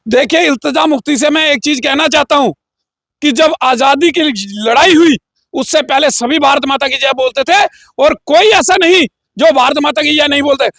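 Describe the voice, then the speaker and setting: A man's voice: extremely high pitch, fairly bright tone, no room sound, studio quality. A man as an interview guest giving a heated, combative political statement with frequent filler phrases. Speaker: interview guest, local group leader.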